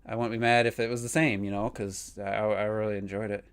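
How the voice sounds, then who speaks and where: A man's voice: on the low side, level tone, fairly quick, smooth. A man co-hosting a gaming podcast, chatting casually and opinionatedly, rambling with lots of fillers. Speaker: podcast co-host.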